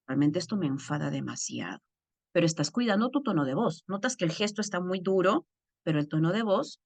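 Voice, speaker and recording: Woman lecturer, lowish voice, dry close sound, explanatory, keeps checking in with listeners. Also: no echo. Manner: acts out example phrases in changed voices. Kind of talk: online course lecture.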